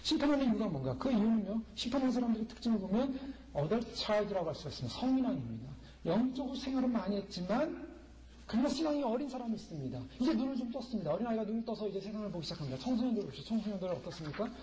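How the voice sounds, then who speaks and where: A man's voice: sits high, sing-song, racing, crowd noise, poor audio. A male pastor preaching a sermon, delivering it emphatically and firing rhetorical questions at the congregation.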